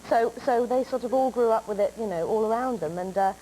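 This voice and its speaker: A brisk, fairly high-pitched woman in her twenties from England, with an English accent, tells animated stories as an actress guest on a talk show, breaking into laughter. The recording is rough with slight background noise.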